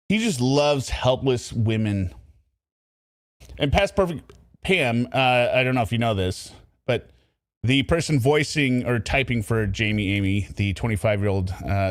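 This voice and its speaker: A man's voice: lowish voice, dry recording. Sarcastic man hosting a commentary. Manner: sarcastic, scornful asides. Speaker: commentary channel host. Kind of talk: casual mocking commentary.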